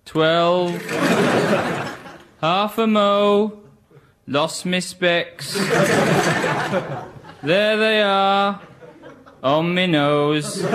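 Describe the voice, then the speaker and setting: A man playing a muddled, ailing old bingo caller in a comedy sketch, calling in short, halting phrases. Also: high-pitched, very noisy.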